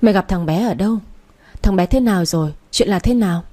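A woman's voice: medium pitch, warm tone, lightly acted. A woman doing a blunt, loyal girlfriend. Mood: urgent, worried. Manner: blunt, coarse, quick. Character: close young female friend, blunt and fiercely loyal.

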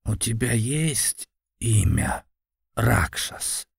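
A man voicing an exhausted, defiant old clan patriarch near death in an audiobook, speaking weakly in a slow, solemn mutter. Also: on the low side, very animated, creaky, breathy edge, no echo, clean studio sound, full character voice. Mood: weary. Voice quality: weak, muttering. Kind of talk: audiobook character voice.

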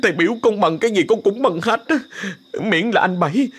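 A man's voice: high-pitched, fairly quick, fairly bright tone, breathy edge, voice pushed up. A man voicing a terrified older man who stammers and pleads. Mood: pleading. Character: terrified older man begging for his life.

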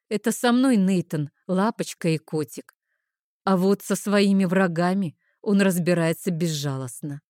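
A woman narrating a first-person audiobook in a calm, even storytelling manner. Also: lowish voice, no echo, clean studio sound.

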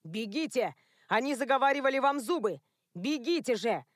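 A woman voicing a loyal, gruff male servant who barks out commands urgently. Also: fairly high pitch, animated, moderate pace, no room sound, clean studio sound, natural voice.

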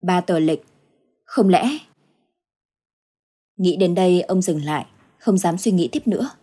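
A woman narrating a ghost story in a steady, measured way. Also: on the low side, husky.

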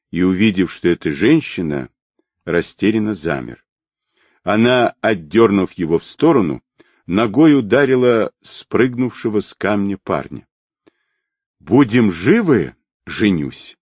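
A man reading an action-packed audiobook aloud in an expressive storytelling manner. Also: low voice, dry recording. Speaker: audiobook narrator.

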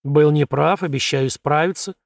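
Self-assured young man in an audiobook, read by the narrator; brisk and easy, with a dry, close sound. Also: fairly high pitch, creaky, no echo. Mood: confident. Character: confident, easygoing young man, the fiancé.

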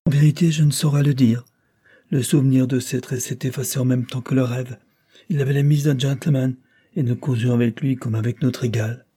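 A man reading aloud voices a sickly, anxious older woman who talks in a hushed, plaintive way. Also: medium pitch, fairly even intonation, a little fast, slightly rough, voice pushed up, close to an everyday voice. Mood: fearful, plaintive. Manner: fearful, plaintive.

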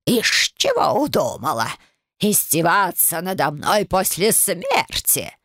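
A woman voicing a grumpy old woman's ghost who scolds her relatives with slow, rasping scorn. The voice sounds dry and close. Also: lowish voice, huge pitch swings, a bit bright, no echo, heavily acted. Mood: furious.

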